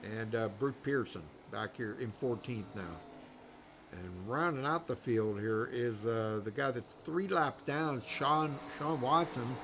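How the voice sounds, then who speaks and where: A man's voice: medium pitch, unhurried, noisy background. A man doing live race commentary in a rambling, folksy way, full of fillers. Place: commentary booth at a racetrack.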